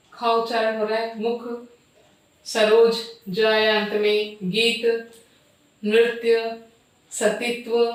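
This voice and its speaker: Woman grammar teacher, unhurried, repetitive quizzing delivery, off-mic in a very echoey room. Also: mid-range voice, a bit bright, far from the mic. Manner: slow, repeats word lists and asks rhetorical questions. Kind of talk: classroom grammar lesson.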